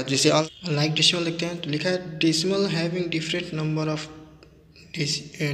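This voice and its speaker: A man's voice: a little high, fairly bright tone. A man teaching a maths lesson in speech, asking questions and answering them himself as he repeats each step. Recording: echoey room with long reverb.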